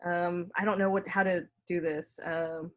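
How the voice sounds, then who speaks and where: A woman's voice: lowish voice, flat delivery, unhurried, a bit bright, highs cut off, slight background noise. A woman talking casually with friends in a group video chat as one of the participants. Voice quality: smoker's cough. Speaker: participant in an online get-together. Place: indoors on a computer video call.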